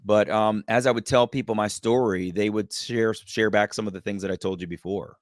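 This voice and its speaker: A man telling a personal story as a podcast guest, lively and acting out the voices of the people in it. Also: fairly low pitch, brisk, no echo, clean studio sound. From United States. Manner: animated, acts out quoted voices. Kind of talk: storytelling in a casual interview.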